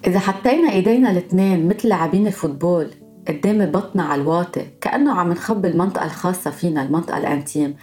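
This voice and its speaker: Woman, Lebanese accent, podcast host, rapid delivery, faint music underneath, explains point by point. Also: fairly low pitch, darkish tone. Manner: explanatory, listing examples one by one. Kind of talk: scripted podcast monologue.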